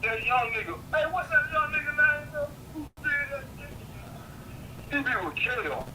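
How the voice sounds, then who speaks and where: A man's voice: very high-pitched, animated, moderate pace, recorded from a distance. A man chatting casually over a landline phone, telling stories in slangy, profane, repetitive talk. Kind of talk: casual phone chat, storytelling. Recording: noisy muffled landline jail phone call.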